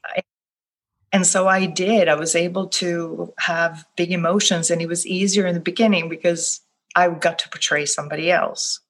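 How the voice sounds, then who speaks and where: A lowish, steady voice at normal speed belongs to a middle-aged Swedish woman, a life coach whose first language is Swedish. In a reflective interview, she speaks softly and thoughtfully about her path, with many restarts.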